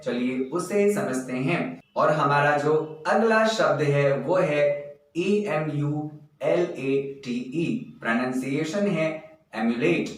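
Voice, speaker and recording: A man with an Indian accent teaching English vocabulary for exams, spelling each word letter by letter and giving example sentences. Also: a little high. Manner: slow, deliberate, spells words letter by letter; addresses viewers as friends, gives example sentences. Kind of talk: exam vocabulary lesson. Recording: very echoey room.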